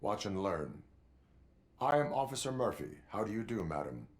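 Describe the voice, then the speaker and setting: An actor playing a stoic robotic police mentor in a video game, speaking formally in a measured, steadying way. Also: male voice, fairly low pitch, very animated. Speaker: field trainer.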